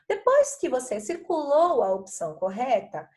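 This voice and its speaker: A middle-aged Brazilian woman with a slightly high voice teaches a video lesson, going through workbook tasks step by step. She talks in a patient, chatty way and keeps asking whether her pupils are following. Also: sing-song, moderate pace, a little mellow.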